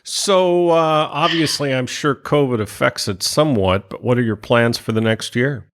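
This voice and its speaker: A man's voice: medium pitch, normal speed, a bit bright. A man with a Californian accent hosting a casual interview, often repeating his phrases in a joking way. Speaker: podcast host, interviewer.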